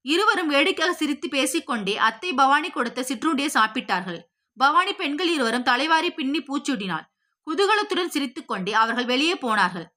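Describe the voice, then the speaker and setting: Bright high-voiced woman storyteller. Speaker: audiobook narrator. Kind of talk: scripted story narration.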